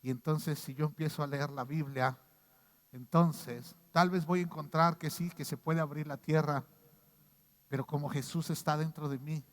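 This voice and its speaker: A man preaching a sermon as pastor, acting out quoted voices and swinging between loud outbursts and hushed lines. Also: fairly high pitch, steady tone, moderate pace. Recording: long reverb of a hall.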